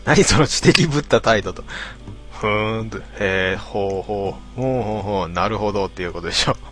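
Wry deadpan man reading comments. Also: fairly low pitch, a little fast. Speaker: host reading out listener posts.

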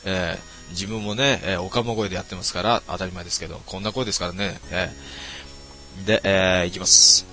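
A man casually streaming a game solo, reading viewer comments with wry, deadpan remarks and many drawn-out filler sounds. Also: deep voice, faint music behind.

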